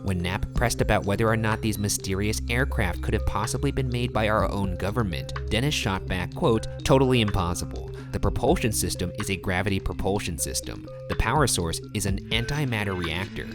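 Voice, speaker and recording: A man reading scripted documentary narration in a measured way, setting quotes apart. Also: fairly low pitch, lively intonation. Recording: voice-over with clear music behind.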